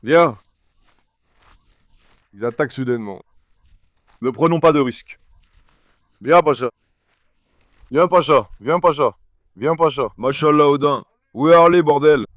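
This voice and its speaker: This is a vlog-style clip where a man talks casually to camera on a farm with animals, handling his dogs and repeatedly coaxing and calling to them. He speaks unhurriedly with frequent pauses, in a slightly high, fairly bright voice. The sound is clean studio quality with no echo.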